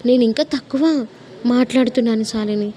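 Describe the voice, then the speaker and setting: A woman's voice: a little high, fairly even intonation, fairly quick, warm tone, slight background noise, natural voice. A woman voicing a bold, caring young woman who scolds fiercely in a read-aloud story. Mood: furious. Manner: fiery, scolding outbursts.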